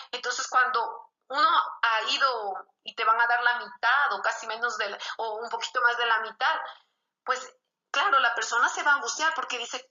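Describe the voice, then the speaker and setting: Bright-voiced woman pastor preaching. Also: a little high. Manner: peppers speech with "gloria a Dios" exclamations. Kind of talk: sermon. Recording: roomy, slightly dull recording.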